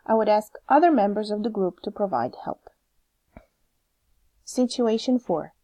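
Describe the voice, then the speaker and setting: A woman with a Croatian accent, a teacher trainer giving measured, scripted narration that explains how to correct students. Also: a little high, warm tone. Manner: measured, explanatory, reads examples aloud.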